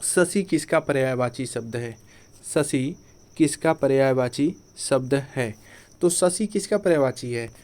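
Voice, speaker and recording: A man's voice: mid-range voice, expressive, unhurried, a little mellow. A man teaching an exam-prep Hindi grammar lesson, who repeats each point as a question to the class and then answers it himself.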